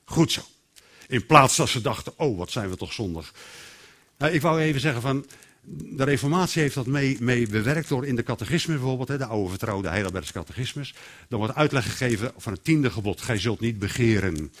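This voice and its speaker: A man preaching a sermon in a lively, animated way, acting out quotes and inner voices. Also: mid-range voice, a little fast.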